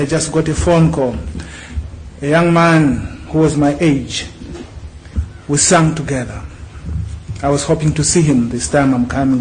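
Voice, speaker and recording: A middle-aged Zambian man with a slightly high voice preaches in a church hall, often having the congregation finish his sentences in call-and-response fashion. This archived church recording is rough, with faint noise.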